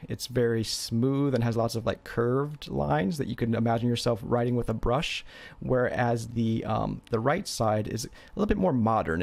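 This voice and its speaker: A man's voice: mid-range voice, gravelly. A man explaining a language lesson over a shared screen, talking off the cuff with many fillers and restarts. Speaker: language teacher.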